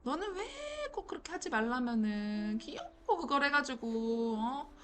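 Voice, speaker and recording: A woman voicing a middle-aged mother who nags loudly and then gushes over her child. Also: high voice, sing-song, measured pace, a little hiss or hum, full character voice. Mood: scolding. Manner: loud nagging, then gushing.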